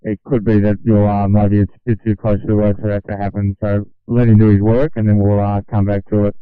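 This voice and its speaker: A man's voice: fairly low pitch, little pitch movement, a little fast, smooth, no room sound. A man working as a radio coordinator, giving unscripted operational instructions over a two-way radio. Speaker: coast control radio coordinator. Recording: narrow-band dry radio transmission.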